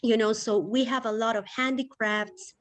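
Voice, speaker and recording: A woman's voice: a little high, fairly even intonation, normal speed. A woman from Ecuador, a guest writer, talking chattily with many fillers at an online panel.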